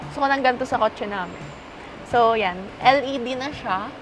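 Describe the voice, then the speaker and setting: A woman's voice: on the high side, moderate pace, fairly bright tone, a little hiss or hum, rough recording. A young woman from the Philippines giving a casual walkaround review from inside a passenger van, chatty and demonstrative as she points out each feature. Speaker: car review presenter.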